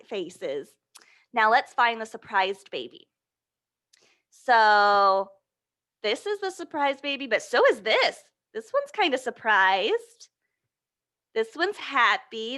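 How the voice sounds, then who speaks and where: With a slightly high voice, a woman runs a lively picture-book session for young children. She encourages them warmly, often posing questions and supplying the answers herself.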